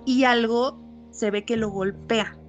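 Woman, Mexican accent, fairly high voice, chatty spooky storytelling, lots of fillers, faint music underneath. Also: takes it slowly, muffled recording. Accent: Mexican Spanish. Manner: animated, many fillers, acts out quotes. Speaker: guest telling ghost stories. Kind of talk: casual storytelling chat.

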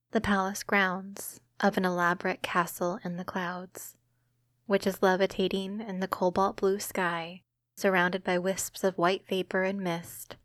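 A woman hosting a guided meditation podcast reads scripted imagery for relaxation, her delivery gentle, calming and measured. Her medium-pitched voice stays fairly flat, with little rise or fall. The recording is dry, with no room echo.

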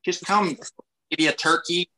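A man's voice: high voice, fairly even intonation, moderate pace, sharp tone, pitched above the performer's own voice. A man putting on a friendly, hospitable Midwestern man with a Midwestern American accent.

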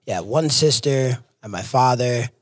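A man with a relaxed stoner voice, chatting as a podcast guest. He talks in slangy, casual asides, and the sound is dry and close. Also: medium pitch, a little slow, no room sound. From Indiana, USA. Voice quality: laid-back stoner voice. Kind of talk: casual chat.

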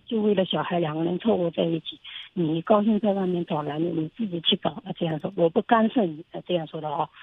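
Gravelly-voiced woman calling in, halting, repeats herself, dry phone sound. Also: fairly low pitch, no echo. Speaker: caller. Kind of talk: call-in advice talk. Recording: phone line.

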